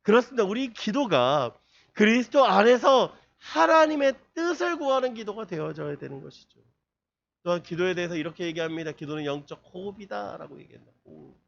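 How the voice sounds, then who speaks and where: A man's voice: high voice, sing-song, fairly quick, creaky, fairly bright tone. A man preaching a sermon to a youth group, asking his listeners one rhetorical question after another. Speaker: youth pastor. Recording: dull lo-fi sermon recording.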